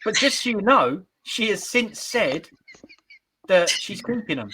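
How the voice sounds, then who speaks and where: A man's voice: sits high, sing-song, a little slow, sharp tone, slight background noise, poor audio. A man hosting a casual sports podcast chat, rambling and restarting his sentences. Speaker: podcast host.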